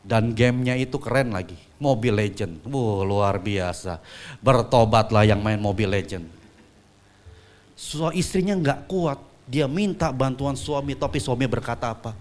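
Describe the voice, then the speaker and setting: A man preaching a sermon, telling a story with acted-out voices and swinging from soft asides to loud peaks. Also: mid-range voice, expressive, moderate pace. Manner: acts out quoted voices in dialogue.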